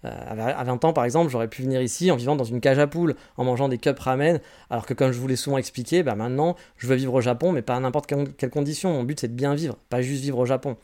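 Here a Frenchman in his forties runs a solo podcast in a casual style, fielding listener questions. He talks fast with few pauses in a warm, medium-pitched voice, offering frank, meandering advice and often restarting sentences.

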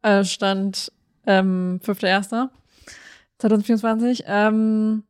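Taking her time, a woman with a clean, medium-pitched voice and fairly even intonation spins rambling, colloquial stories as a podcast co-host, acting out quoted lines of dialogue along the way.

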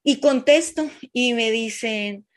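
A middle-aged woman with a Mexican Spanish accent telling the listeners her personal cancer story in a heartfelt, halting way. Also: on the high side. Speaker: breast cancer patient sharing her story. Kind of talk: emotional personal testimony.

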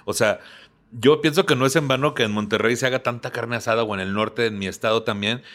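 A man's voice: medium pitch, steady tone, quick pace, fairly bright tone. A man with a Mexican accent hosting a casual chat, joking with his guests and reading advice passages aloud. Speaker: podcast host.

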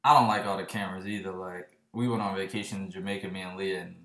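Halting man in his late twenties. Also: sits low, fairly even intonation, fairly bright tone, echoey room. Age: late 20s. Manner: halting, restarts often. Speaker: podcast co-host. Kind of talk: casual chat.

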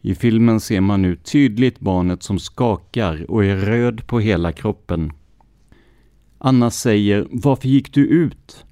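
A man hosting a true crime podcast, reading police records in a measured, scripted narration. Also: lowish voice, warm tone, clear, resonant tone, no echo, clean studio sound. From Sweden.

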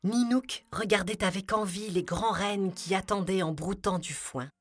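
A woman narrating a children's story in a gentle, expressive way. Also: medium pitch, normal speed. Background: music.

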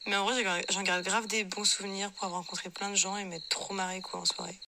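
A young woman in her twenties casually recalling school parties, slangy and relaxed with lots of fillers. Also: mid-range voice, fast. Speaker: friend recalling school days. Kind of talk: casual recollection.

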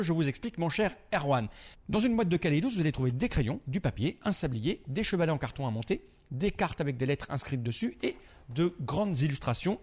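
A man's voice: on the high side, a little mellow. Chatty man reviewing a board game. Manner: chatty, explanatory, addresses host directly. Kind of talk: scripted review segment.

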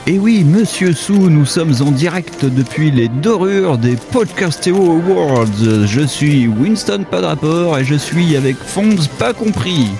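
A man's voice: fairly high pitch, animated, slow, hardly any pauses, over music. A man playing a bumbling, over-formal reporter in a parody live TV report, speaking in hesitant announcements. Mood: pompous. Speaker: mock red-carpet correspondent.

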